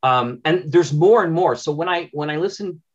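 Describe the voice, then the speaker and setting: A Canadian man whose voice is on the high side talks at normal speed as an interview guest; he produces audio dramas. His talk is casual, effusive, rambling and enthusiastic, recorded indoors in a small bookshelf-lined home room through dull, lo-fi video-call audio.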